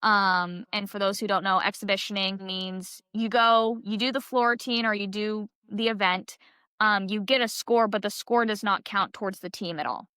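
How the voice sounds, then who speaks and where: Bright, crisp young woman telling a story. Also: medium pitch, fairly even intonation, moderate pace, dry recording, studio quality. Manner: chatty, heavy use of "like" and "um". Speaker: podcast guest, college gymnast. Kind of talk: casual interview storytelling.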